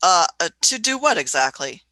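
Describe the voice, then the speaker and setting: A woman's voice: lowish voice, sing-song, moderate pace, bright, forceful tone, no echo. A woman voicing a fussy elderly Doctor who chuckles, hums and uses old-fashioned phrases in a radio play. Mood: testy. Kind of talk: amateur radio play acting.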